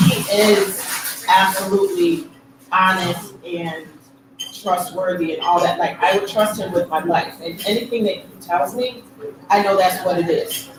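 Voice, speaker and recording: A woman answering a panel question in a casual group talk, earnest and candid. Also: mid-range voice. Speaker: panel guest. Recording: very echoey room, distant mic, crowd behind.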